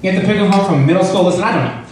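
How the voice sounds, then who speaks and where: A young man doing a rambling, self-deprecating, profane stand-up routine at an open mic, halting and casual as he goes. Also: high voice, over a noisy crowd. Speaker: stand-up comedian. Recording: very echoey room, distant mic, faint noise.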